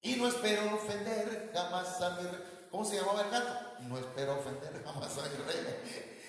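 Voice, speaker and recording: Male pastor with a Mexican accent, animated high-pitched sermon, long hall reverb. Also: moderate pace, slight background noise. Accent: Mexican Spanish. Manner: animated preaching, voice rising high for emphasis. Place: church hall. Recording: echoey hall.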